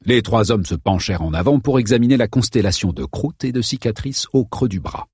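A man reading a novel aloud as an audiobook narrator, in a steady, measured way. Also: fairly low pitch, breathy edge, no room sound, studio quality.

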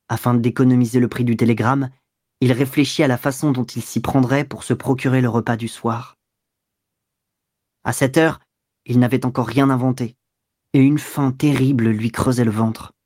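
A man reading a classic novel aloud as an audiobook narrator, in a steady, measured storytelling manner. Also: mid-range voice, no echo, studio quality. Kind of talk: scripted literary narration.

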